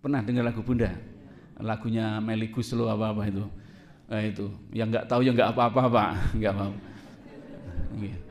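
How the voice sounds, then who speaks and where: A man preaching to a congregation in a lively, conversational way, asking his listeners questions and laughing along with them. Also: lowish voice, normal speed, pauses often. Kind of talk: sermon to a congregation.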